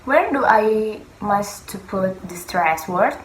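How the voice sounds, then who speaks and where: Slow, hesitant young woman presenting to a class. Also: mid-range voice, animated. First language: Indonesian. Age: young adult. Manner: hesitant, many fillers, non-native grammar slips. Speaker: student presenter. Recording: echoey room.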